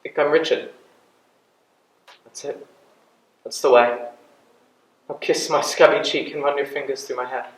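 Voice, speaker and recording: A man's voice: mid-range voice, steady tone, a little slow, long pauses, natural voice. Man playing neglected young prince, petulant, self-pitying, defiant, theatrical period drama, roomy recording. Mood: bitter, self-pitying. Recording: echoey room.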